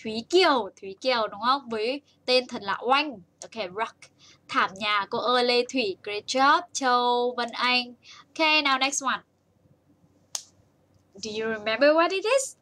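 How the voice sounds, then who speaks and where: Bright-voiced, upbeat Vietnamese woman teacher. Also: a little high. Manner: bouncy, praising, switches between slow English and rapid Vietnamese. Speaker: English teacher for young children. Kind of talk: live-stream lesson reading viewer comments.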